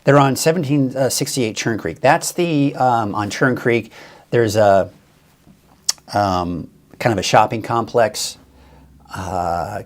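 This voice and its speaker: A man hosting a casual live weather show, chatting in a rambling way and thinking aloud with fillers. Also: on the low side. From Northern California. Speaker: weather host. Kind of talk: casual live-stream forecast chat.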